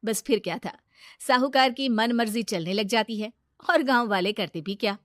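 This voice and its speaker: A woman's voice: a little high, normal speed, a bit bright, no echo, clean studio sound. A woman narrating a scripted moral story as a storyteller.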